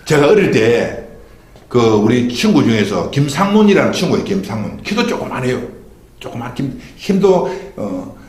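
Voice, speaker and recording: A man's voice: mid-range voice, big pitch swings, moderate pace, a little mellow. A man pastor giving a Sunday sermon, preaching with rhetorical questions and calling on the congregation to repeat after him. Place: church sanctuary. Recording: echoey church hall.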